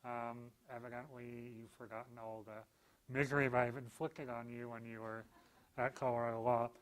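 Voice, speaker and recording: A man's voice: mid-range voice, flat delivery, moderate pace, poor audio. A male law professor giving a public lecture with dry, self-deprecating humor and frequent "um" and "uh" fillers.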